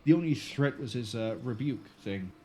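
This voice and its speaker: A man's voice: medium pitch, expressive, moderate pace, dark tone, a little hiss or hum. A man streaming a video game, casually thinking aloud with fillers. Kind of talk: live game commentary.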